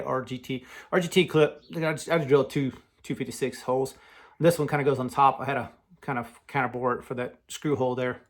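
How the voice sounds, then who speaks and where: Male vlogger with a Southern US accent, mid-range voice, rambling and unscripted. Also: mid-range voice. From Southern United States. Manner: rambling, loose, lots of fillers and restarts. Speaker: knife collector vlogger. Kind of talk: casual chat.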